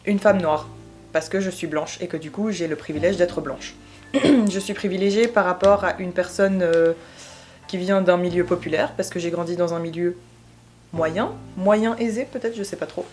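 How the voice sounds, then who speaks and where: A young woman from Switzerland, explaining her views in a casual vlog, pausing often with fillers. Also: fairly low pitch, darkish tone. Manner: thoughtful, hesitant, many fillers. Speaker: YouTuber.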